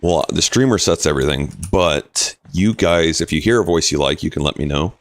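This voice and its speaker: A man's voice: very deep voice, normal speed, no echo. A man casually commentating his game on a live stream, explaining rules and answering chat.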